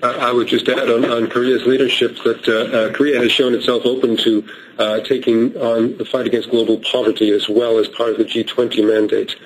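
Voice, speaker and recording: A man's voice: medium pitch, flat delivery, brisk, slight background noise, low-quality recording. A man speaking as a panelist at a press briefing, hesitant with many fillers.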